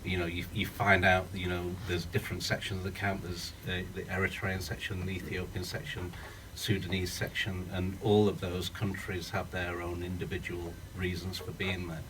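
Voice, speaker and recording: A man's voice: deep voice, little pitch movement, moderate pace, hardly any pauses, fairly bright tone, slight background noise. A man from the UK, a film's writer-director, earnestly thinking aloud at a post-screening Q&A in a screening room without a working mic. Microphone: no working mic, speaking up. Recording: distant room sound.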